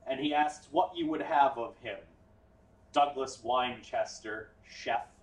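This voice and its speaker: A man's voice: medium pitch, a little slow. A man acting as game master, narrating a tabletop game in a casual, explaining way. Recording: echoey room, far from the mic.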